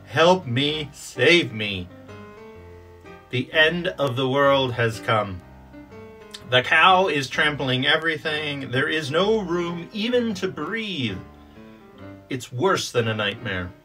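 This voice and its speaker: Man reads as a frantic poor peasant, pitched up and pleading; music underneath. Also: wildly swooping pitch, normal speed, recorded from a distance, exaggerated voice. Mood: wailing.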